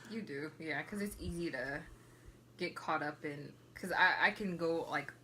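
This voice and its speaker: A woman from Los Angeles co-hosting a podcast, speaking softly and thoughtfully with many hesitations. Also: sits low, measured pace, a little hiss or hum. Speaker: podcast co-host. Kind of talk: casual chat.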